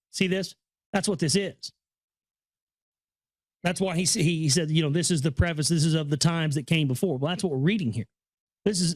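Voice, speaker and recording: A man with a fairly high voice reads a book aloud while casually commenting on it, rambling, stammering and repeating phrases in earnest awe. There is no room sound.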